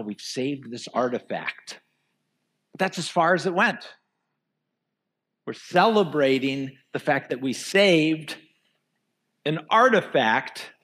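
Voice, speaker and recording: A man's voice: mid-range voice, fairly bright tone. Earnest man preaching. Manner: earnest, poses rhetorical questions to the congregation. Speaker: pastor. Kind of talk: sermon. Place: church before a live congregation.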